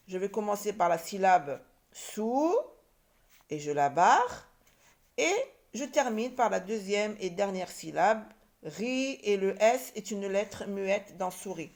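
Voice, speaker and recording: Woman, schoolteacher, slow careful delivery, breaks words into syllables, repeats each word for small children. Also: mid-range voice, darkish tone. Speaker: primary school teacher. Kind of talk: reading lesson for young children.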